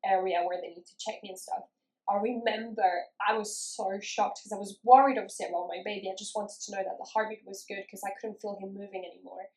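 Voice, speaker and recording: A woman in her twenties telling a story in a casual chat, lively and acting out the voices of people she quotes. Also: medium pitch, quick pace. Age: 20s. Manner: animated, acts out quoted voices. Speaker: podcast co-host. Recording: echoey room.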